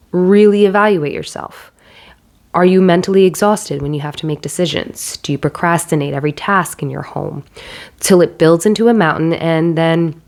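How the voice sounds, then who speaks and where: A stay-at-home mom vlogging casually, sounding nasal from a cold, chatty and self-deprecating with rambling asides, holding a handheld mic at home. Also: female voice, on the low side, darkish tone. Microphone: handheld microphone.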